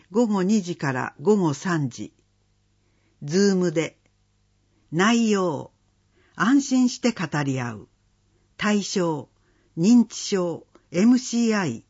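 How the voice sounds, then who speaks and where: A reader going slowly and steadily through community event listings, dates and phone numbers. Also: mid-range voice, darkish tone, husky. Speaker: announcement reader. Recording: dull lo-fi recording.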